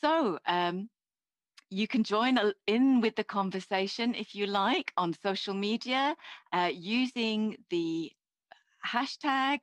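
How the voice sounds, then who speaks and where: A woman's voice: mid-range voice, expressive, takes it slowly, no echo. Woman's live interpreter voice, dry and close. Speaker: live interpreter voicing a signing podcast host. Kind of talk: live interpreter voice-over of sign language.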